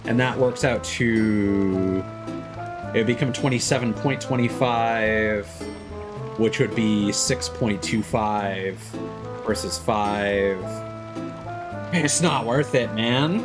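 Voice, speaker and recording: Slowly and in a lowish voice, a game streamer gives relaxed live commentary, reasoning aloud about what he's doing. His voice competes with loud video game music.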